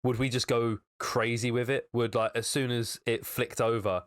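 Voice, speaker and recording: A man's voice: mid-range voice, level tone, moderate pace. A man co-hosting a podcast, chatty and rambling, laughing often. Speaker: podcast co-host. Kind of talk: casual chat.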